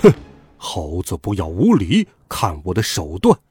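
A man voicing an arrogant, scornful male demon king with a gruff, sneering delivery in a storybook reading. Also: fairly low pitch, sing-song, a little slow, darkish tone, faint music behind, voice pushed down, exaggerated voice.

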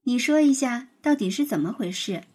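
A woman voicing a gentle female teacher who speaks calmly and without hurry. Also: a little high, husky. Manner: unhurried, kindly. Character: gentle, calm female schoolteacher.

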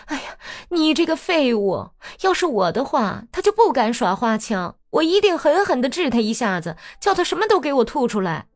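A woman's voice: sits high, expressive, pitched above the performer's own voice. A woman voicing a bold, mocking young peasant woman who talks in a brash, teasing way in an audiobook. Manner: brash, teasing, quick-tongued.

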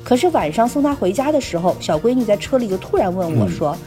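A woman co-hosting a podcast, reading a listener's letter aloud at a steady, conversational pace. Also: medium pitch, fast talker, faint music behind. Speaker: podcast co-host.

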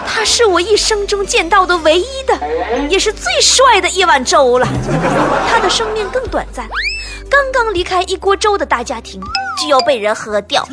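A woman's voice: very high voice, sing-song, moderate pace. A woman with a Northeastern Chinese accent delivering a theatrical comic monologue in an exaggerated, melodramatic way. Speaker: comic storyteller. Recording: music and audience noise behind. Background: music, crowd.

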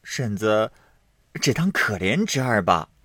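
A man's voice: lowish voice, very animated, slow pace, sharp tone, dry recording, exaggerated voice. A man voicing a coaxing, pleading young nobleman of about seventeen in a storybook reading. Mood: wheedling.

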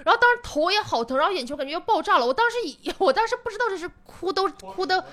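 A woman's voice: very high voice, expressive, quick pace, bright, forceful tone. A woman comedian in a casual podcast chat, telling candid stories and often laughing. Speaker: stand-up comedian guest.

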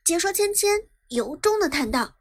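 High-voiced woman narrating a web novel. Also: very animated, normal speed. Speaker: audiobook narrator. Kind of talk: scripted narration.

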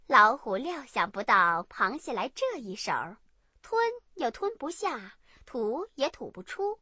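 A woman narrating a bedtime story for children in an expressive, animated way. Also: sits high, measured pace, no echo.

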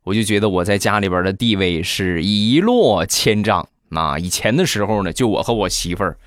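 Low-voiced man telling funny stories. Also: moderate pace, no room sound, studio quality. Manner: chatty, playful, addresses listeners directly. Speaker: comedy show host. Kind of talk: comedic anecdote storytelling.

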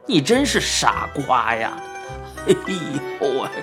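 A cranky old grandpa groans and grumbles, dropping low and dragging out his words as he sulks over his aches. He is stubborn and greedy, a comic figure in a children's storybook recording, put on by the narrator. Faint music plays underneath. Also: sing-song, slow. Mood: scolding. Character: ailing greedy grumpy old man. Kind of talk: children's audiobook character voice.

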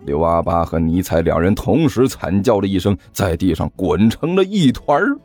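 A man, narrating a comic audiobook in a lively storytelling manner. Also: low voice, no echo, faint music behind. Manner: lively storytelling, slow delivery.

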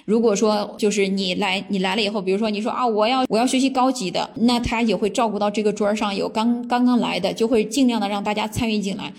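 A woman from China talks to her viewers in an easygoing, meandering monologue. Her pitch is ordinary for a woman, and she often stops to gather her thoughts before going on. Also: creaky. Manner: relaxed and rambling, with frequent thinking pauses. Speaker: vlogger. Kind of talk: casual storytelling monologue.

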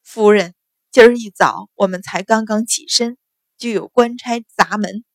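Old servant women, voiced by a woman, tearful, pleading, loud, dry close sound. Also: mid-range voice, unhurried, dry recording, close to an everyday voice.

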